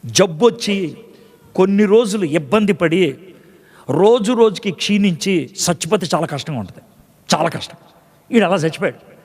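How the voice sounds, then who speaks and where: A man's voice: high-pitched, animated, normal speed, long pauses, a little mellow, long reverb tail. A man pastor preaching a sermon in a conversational way, acting out scripture dialogues and quizzing his congregation. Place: church.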